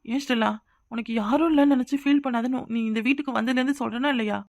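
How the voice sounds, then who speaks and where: A woman voicing a cartoon role, talking in a gentle, coaxing, consoling way. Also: sits high, steady tone, racing, dull audio. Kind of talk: cartoon voice acting.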